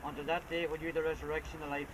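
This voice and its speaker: Solemn priest praying at an outdoor graveside. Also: male voice, fairly high pitch, flat delivery. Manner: measured, formal liturgical delivery. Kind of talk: solemn funeral prayers read at a graveside. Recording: noisy, windy outdoor camcorder recording.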